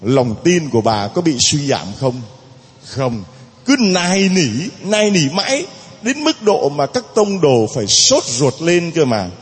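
A male priest preaches dramatically, swinging his voice far up and down on each emphatic point. His tone is slightly husky, and a long reverb rolls through the church around him. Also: a little high, big pitch swings, a little slow. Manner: dramatic, emphatic, rhetorical questions. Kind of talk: sermon.

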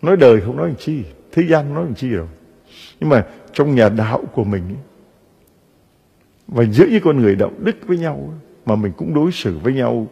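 Husky-voiced priest preaching in a reverberant church. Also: male voice, mid-range voice. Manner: animated preaching with rhetorical questions to the congregation. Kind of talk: sermon.

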